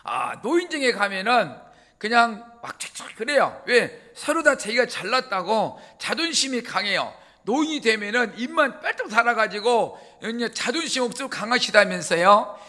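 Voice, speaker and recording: A male pastor preaching a sermon, telling jokes with drawn-out emphasis. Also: high voice, bright, forceful tone. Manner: humorous storytelling, drawn-out emphasis. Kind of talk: joking sermon.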